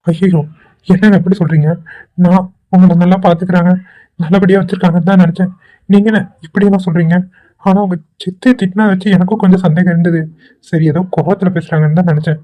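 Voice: medium pitch, steady tone, warm tone, natural voice. A performer voicing a kind, worried young man in a cartoon, talking anxiously and pleading. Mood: concerned. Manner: anxious, pleading, talks quickly. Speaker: cartoon character. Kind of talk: Tweencraft cartoon voice acting.

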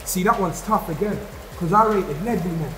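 High-pitched, animated young London man in banter. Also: moderate pace, background noise. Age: 20s. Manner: animated, exclaiming, slangy. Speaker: quiz challenge contestant. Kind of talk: casual excitable banter. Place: large tiled indoor pool room, in a tub of water. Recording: echoey indoor pool, music behind.

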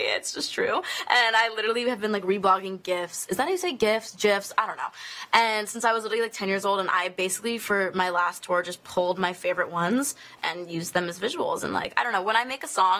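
A young woman chats through a casual live-stream Q&A, reading fan questions aloud and riffing on them. Her talk is full of "like" and small giggles. Her voice sits at an everyday pitch with a gravelly fry running through it. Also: fairly bright tone. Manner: chatty, giggly, filler-heavy with frequent "like". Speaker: singer answering fan questions. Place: indoors at an office.

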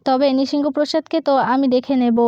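A woman's voice: high-pitched, fairly even intonation, fairly quick, mellow, no room sound, dull audio. A woman narrating a TV serial recap, quoting each character's lines in her own plain voice. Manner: plain retelling, quoting characters without acting them.

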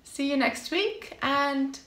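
A woman's voice: high-pitched, slow pace, a bit bright, slight background noise. Upbeat woman vlogger in an echoey room. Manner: upbeat, emphatic, repeats short punchy answers. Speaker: vlog host giving advice on living abroad. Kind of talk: scripted tips to camera. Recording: echoey room with faint ambience.

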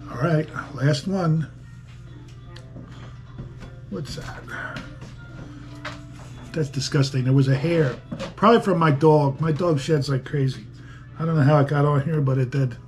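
A man with a slightly higher voice talks casually through an eating challenge at home, joking between bites. Faint music plays behind him. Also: measured pace, pauses often, darkish tone. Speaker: beer review vlogger.

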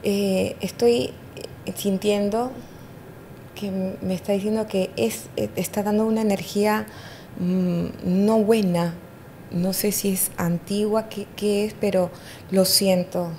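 A woman psychic giving readings in an interview, hesitant and often pausing with fillers and checking she is understood. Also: mid-range voice, fairly even intonation, a little mellow, a little hiss or hum. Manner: hesitant, fills pauses with "eh" and "¿me entiendes?". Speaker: astrologer and psychic.

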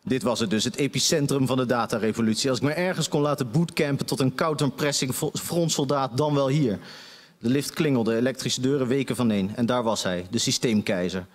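A man's voice: mid-range voice, a little fast, big-room sound. A man giving a live reading of a satirical comic story on a stage, with dry, wry narration. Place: stage of a debate venue.

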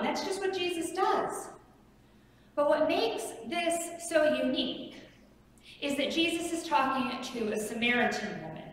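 A woman's voice: fairly high pitch, slight background noise. Echoey woman pastor preaching from afar. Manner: animated storytelling with gestures, asks the congregation questions. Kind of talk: sermon. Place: large church sanctuary, in front of the altar. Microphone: far camera at the back of the church. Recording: echoey church hall from far off.

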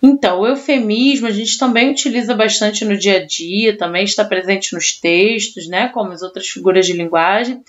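A woman's voice: mid-range voice, normal speed, few pauses, highs cut off. A woman teacher, giving a recorded online class and explaining patiently, checking in with her students often.

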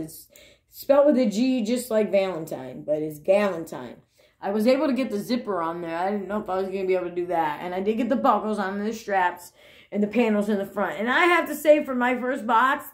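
A woman talking casually to her camera about her hair and a paper craft, chatty and self-deprecating, with many restarts. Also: medium pitch. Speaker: crafting vlogger.

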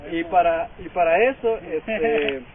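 A young man giving a personal testimony to a congregation, halting and full of filler words. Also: on the high side. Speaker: testimony speaker. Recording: phone-like audio with crowd behind.

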